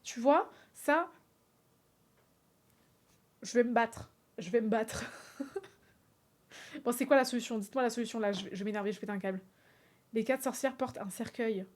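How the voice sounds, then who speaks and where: A young woman streaming live, chatting casually with her viewers, animated and laughing often. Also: on the high side, moderate pace, long pauses. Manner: animated, laughs often, talks straight to chat.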